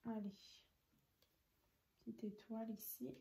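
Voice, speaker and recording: Craft host, woman, slightly high voice, unhurried, thinks aloud, echoey room. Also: little pitch movement, gravelly, dark tone. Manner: chatty, thinks aloud, counts pieces while working. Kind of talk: casual craft tutorial.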